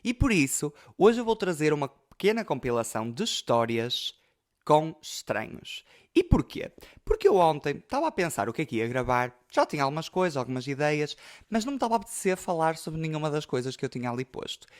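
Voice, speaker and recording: A man's voice: fairly high pitch, sing-song, brisk. A young man with a European Portuguese accent, hosting a podcast and telling personal stories in a chatty, emotional way full of fillers. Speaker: podcast host. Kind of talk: casual storytelling.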